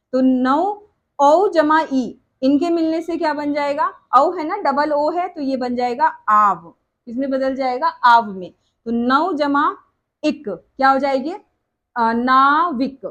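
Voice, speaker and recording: A woman's voice: high voice, fairly bright tone. A woman teaching a grammar lesson, asking questions and answering them herself, repeating each example word.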